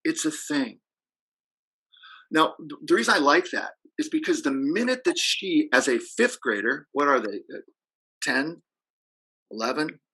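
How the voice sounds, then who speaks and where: A man's voice: a little high, animated, moderate pace, bright, forceful tone, husky, poor audio. A middle-aged man giving a training over a video call, telling stories in a conversational way and asking the audience questions. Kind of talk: presentation.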